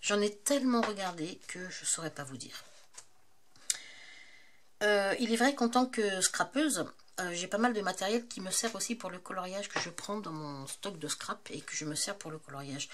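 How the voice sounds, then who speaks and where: A woman's voice: deep voice, a bit bright. A woman chatting casually to her viewers about craft supplies. She talks in a loose, hesitant way and often stops on fillers. A faint hiss sits behind her voice. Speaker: craft vlogger. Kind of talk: casual show-and-tell chat.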